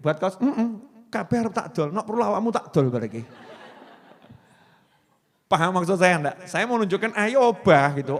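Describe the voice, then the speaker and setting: A man with a Javanese accent giving a casual, joking sermon, telling lively stories to his audience. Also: on the high side. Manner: playful, joking, lively storytelling. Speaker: preacher.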